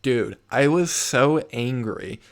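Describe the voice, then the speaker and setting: A young man hosting a casual podcast, telling stories with lots of swearing and loud acted-out quotes. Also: mid-range voice, slow pace. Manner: animated storyteller, swears a lot, acts out quoted voices loudly. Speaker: podcast host. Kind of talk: casual chat.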